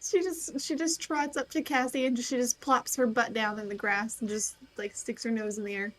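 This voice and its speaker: A woman's voice: on the high side, steady tone, normal speed, a bit bright, poor audio. A woman player casually describing her character's actions in a tabletop game.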